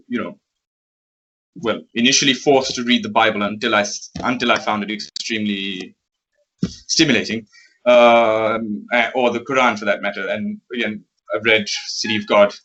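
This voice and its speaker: Bright-voiced male guest, articulate and muffled. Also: mid-range voice. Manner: articulate, thoughtful, laughs often. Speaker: interview guest, magazine editor. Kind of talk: casual interview conversation.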